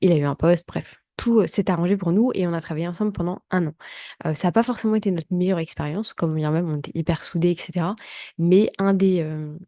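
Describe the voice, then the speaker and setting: A woman in her thirties from France tells a personal story in a chatty, self-mocking way, stopping often to correct herself. Her voice sits fairly low and sounds warm and mellow. The recording is dry and close, with no room sound. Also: fast, no room sound. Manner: chatty, self-mocking, many fillers and restarts. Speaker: vlogger. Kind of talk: casual storytelling to camera.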